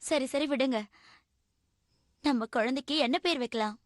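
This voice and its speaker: High-voiced nagging cartoon mother, played by a woman. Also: normal speed, no room sound, studio quality, lightly acted. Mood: warm. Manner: nagging and stern. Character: strict young mother, nagging but loving. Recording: cartoon dub with faint music.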